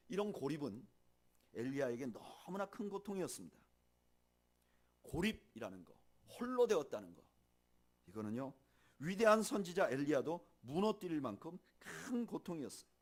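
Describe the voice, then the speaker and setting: A man preaching a sermon as pastor, swinging from loud, emphatic lines to soft, hushed ones, and slowing down to read scripture aloud. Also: on the high side, sing-song. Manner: slow measured reading of scripture with the congregation. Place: church sanctuary.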